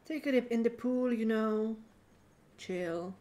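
Slow, playful woman streamer chatting. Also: a little high, dark tone. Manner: playful, teasing, talks to chat. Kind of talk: casual live-stream chat while gaming.

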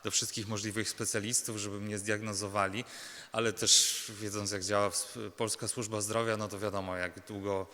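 A male Jesuit preacher delivers a personal sermon with a bright, clear tone. He speaks earnestly, stumbling and restarting, often checking in with the congregation through little rhetorical questions. His voice carries a long reverb from a large church. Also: on the low side, little pitch movement. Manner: earnest, halting, many fillers and restarts.

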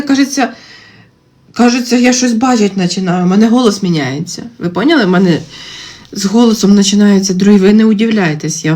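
A woman in her thirties chatting casually on a phone live stream while she draws, ranting and swearing, her pitch jumping up when she gets worked up. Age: 30s. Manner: swears constantly, exasperated rants with sudden high-pitched outbursts. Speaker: TikTok livestream host. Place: indoors at home. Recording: faint background noise and clicks.

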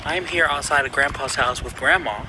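A man's voice: medium pitch, moderate pace. A man casually goading and exclaiming as he films a prank on a handheld home video. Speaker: prankster son filming his father. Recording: noisy handheld home recording.

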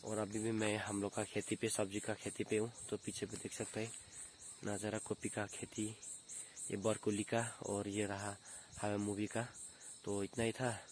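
A man's voice: lowish voice, flat delivery, normal speed, slight background noise. A young man giving a casual walking tour of his hillside vegetable farm, plainly pointing things out one by one while filming on a phone held at arm's length outdoors. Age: young adult. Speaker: farm vlogger.

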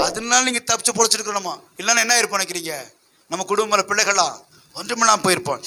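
A man's voice: very high voice, pushed and bright, slight background noise. A man preaching a sermon as pastor, emphatic and full of rhetorical questions to his listeners.

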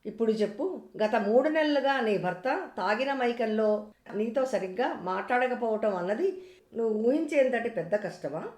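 A calm, wise old holy man speaks in gentle, consoling tones, as a woman narrator reads his words. The voice sits fairly high, and the recording carries a roomy echo. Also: normal speed, lightly acted. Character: calm wise elderly male saint guiding devotees.

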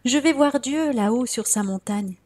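Woman reading a scared, hapless traveler; pitched up, begging, loud. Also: normal speed, natural voice. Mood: earnest. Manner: high-pitched, pleading, loud. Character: frightened pleading poor traveler man.

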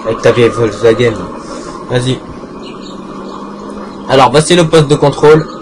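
A man's voice: medium pitch, moderate pace, background noise. A man giving casual, joking commentary while playing a game, talking back to in-game characters and swearing often. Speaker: gaming channel host.

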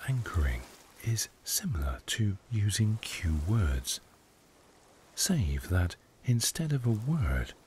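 A man guiding a meditation, speaking softly in a hushed voice that often drops to a whisper. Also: lowish voice, sing-song, slow, slight background noise. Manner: soft, hushed delivery, often slipping into a whisper. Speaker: meditation guide. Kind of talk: guided meditation narration.

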